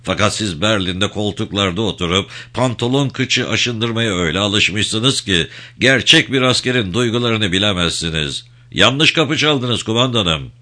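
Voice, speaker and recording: A man's voice: lowish voice, expressive, unhurried, hardly any pauses, pushed and bright. A man reading an audiobook, voicing a blunt, defiant soldier.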